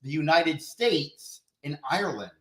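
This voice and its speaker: Casting: playful male quiz host, slightly high voice, casual and bawdy, roomy echo. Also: big pitch swings, measured pace. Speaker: talk show host presenting a quiz. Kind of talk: casual chat, reading out quiz results. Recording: roomy, echoing sound.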